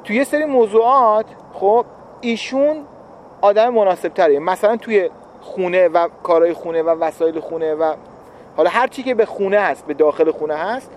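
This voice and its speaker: A man's voice: high-pitched, slight background noise. A man in casual talk to viewers, explaining his view of the relationship in a reflective way and repeating points for emphasis. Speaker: husband explaining relationship advice.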